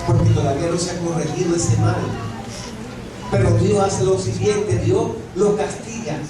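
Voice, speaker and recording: A man's voice: sits high, steady tone, normal speed, a loud crowd. A male pastor preaching a sermon. He reads scripture aloud and asks the congregation rhetorical questions that he answers himself. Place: church sanctuary. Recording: very echoey hall, distant mic.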